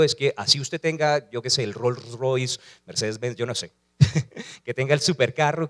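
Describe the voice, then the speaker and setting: A male pastor preaching a sermon, asking rhetorical questions and calling on the congregation to repeat after him. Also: medium pitch.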